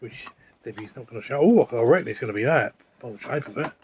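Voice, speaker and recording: A man's voice: medium pitch, animated, fast, darkish tone, dull audio, a little hiss or hum. A man, reading product descriptions aloud and adding dry remarks in a casual unboxing chat. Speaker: co-host reading product cards.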